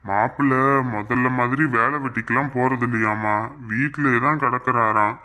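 A man's voice: mid-range voice, bright, forceful tone, natural voice. A man playing an educated, remorseful middle-aged father who speaks earnestly. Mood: worried. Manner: earnest, measured pleading. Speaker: father-in-law in a family drama. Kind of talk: web drama acting.

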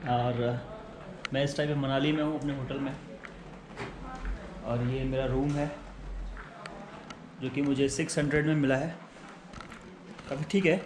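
A man's voice: mid-range voice, flat delivery, a little slow, pauses often, background noise. A man in his thirties vlogging casually, chatting like a tour guide as he shows a hotel room and walks a busy mountain-town street, recorded on a handheld camera mic. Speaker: travel vlogger. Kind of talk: casual travel vlog narration.

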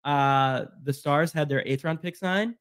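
A man co-hosts a casual sports podcast. He talks in an animated way and often repeats himself. His voice sits a little high and sounds dry and close. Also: a little slow, smooth, no echo. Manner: animated, repeats phrases, laughs easily. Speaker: podcast co-host.

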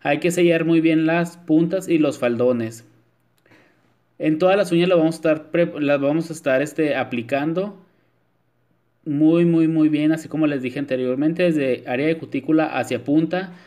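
A male nail technician narrates a nail tutorial in a chatty voice-over, filling it with frequent "este" fillers and calling viewers "chicas." His voice is on the high side, a little mellow, at a moderate pace.

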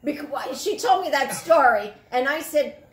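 A woman's voice: high voice, lively intonation, unhurried, reverberant. A woman, a guest in a casual chat, chiming in with indignant, laughing remarks.

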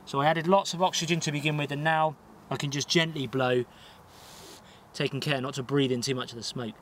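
A young man gives relaxed, practical bushcraft instructions while he works. His voice sits slightly high, and he often pauses mid-sentence. Faint outdoor ambience surrounds him at a woodland camp. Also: a little hiss or hum. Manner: explains steps calmly while working with his hands, pauses to blow on embers. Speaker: bushcraft host.

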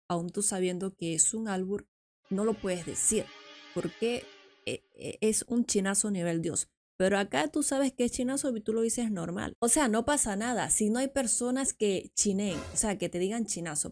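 A woman's voice: mid-range voice, warm tone. A young Venezuelan woman hosting a reaction video, playful and slangy with laughing asides. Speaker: reaction channel host. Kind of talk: reaction commentary.

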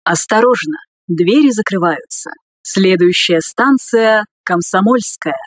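A woman reading scripted subway announcements in a formal, measured way. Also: mid-range voice, no room sound, clean studio sound.

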